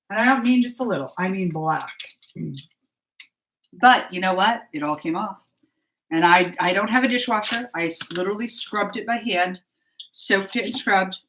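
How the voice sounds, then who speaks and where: A middle-aged woman talks through a recipe in a relaxed, chatty way while she cooks, turning to greet her viewers now and then. She is in her home kitchen, and dishes and pans clatter clearly behind her voice. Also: mid-range voice, a little hiss or hum, poor audio. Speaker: cooking vlogger. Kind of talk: casual live cooking chat.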